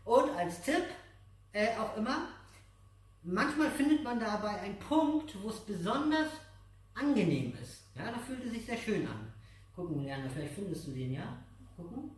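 Speaking at a normal pace in a high, very animated voice, this middle-aged man teaches aikido exercises to a child and the audience, using simple repeated phrases with patient encouragement. The setting is a big matted dojo indoors, and the far-off camera microphone catches lots of hall echo.

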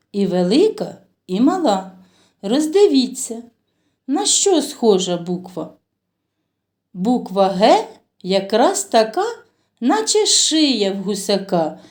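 A woman leads a phonics lesson for small children at a slow, deliberate pace, drawing out every word she sounds. Her voice is fairly high and mellow, with a lively, sing-song rise and fall as she asks questions and praises the little ones. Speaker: kindergarten teacher.

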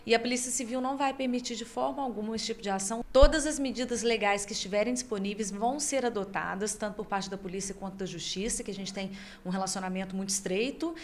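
Uma delegada com sotaque brasileiro dando uma declaração oficial, firme e assertiva. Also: female voice, mid-range voice, fairly even intonation, fast talker, few pauses. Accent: Brazilian. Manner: assertive, official. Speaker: police chief. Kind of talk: press statement.

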